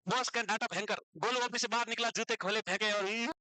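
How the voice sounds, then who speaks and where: A man teaching a class, lively and animated, constantly asking his students rhetorical questions. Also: high voice, brisk, dry recording, poor audio. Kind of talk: lecture to students.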